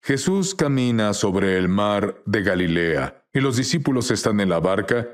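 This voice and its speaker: A man's voice: fairly low pitch, animated, a little slow. A man as the guest minister in a dubbed interview, telling testimonies earnestly and acting out quoted dialogue.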